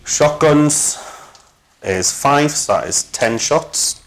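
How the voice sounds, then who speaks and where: A man's voice: fairly high pitch, expressive, takes it slowly. A man playing a tabletop wargame, talking casually in a terse, matter-of-fact way. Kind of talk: casual game talk.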